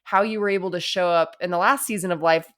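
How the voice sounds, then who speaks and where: A woman's voice: fairly low pitch, fairly even intonation, fast. A woman hosting a podcast, speaking in an encouraging, chatty way with lots of "like". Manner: warm, encouraging, many "like"s. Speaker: podcast host. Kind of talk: casual interview chat.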